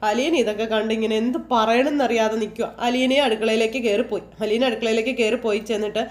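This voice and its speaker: A woman's voice: a little high, steady tone, fast. A woman casually retelling a TV serial episode in a chatty way, reading the characters' quarrels inline as she goes. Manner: chatty, tags lines with "you know". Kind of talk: casual storytelling recap.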